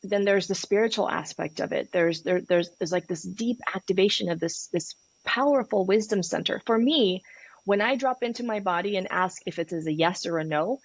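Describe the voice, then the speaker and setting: A woman's voice: mid-range voice, moderate pace, slightly rough, no echo, lo-fi sound. A woman from Peru, a sex and relationship coach, talking frankly and passionately as a podcast guest. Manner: candid, passionate, frank with swearing. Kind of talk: podcast interview.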